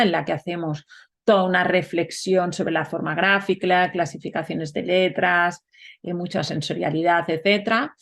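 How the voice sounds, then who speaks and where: A woman's voice: lowish voice, creaky. A woman giving a webinar lecture, explaining step by step and often asking rhetorical questions. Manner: explanatory, frequent rhetorical questions and "¿vale?" checks. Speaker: teacher.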